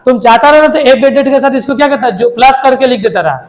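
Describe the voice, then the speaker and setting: A man's voice: extremely high pitch, fast talker. A man tutoring an accounts class, quizzing students and repeating the figures aloud. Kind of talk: classroom lesson. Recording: echoey room.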